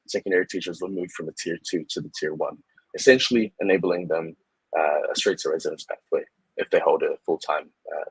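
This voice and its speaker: A young man, a licensed immigration adviser, answering questions in a relaxed online interview over a video call, with many fillers and restarts. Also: deep voice, slightly rough, dry recording, rough recording. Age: young adult.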